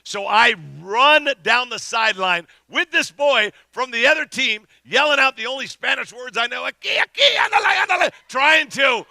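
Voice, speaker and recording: Middle-aged male pastor, storytelling sermon; high, gravelly, very bright voice, dry close sound. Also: moderate pace, few pauses, dry recording. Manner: animated storyteller, shouts at climaxes.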